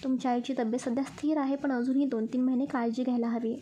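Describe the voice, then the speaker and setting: A woman voicing a calm hospital doctor who speaks in a professional, reassuring way. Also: sits high, fast, slightly rough.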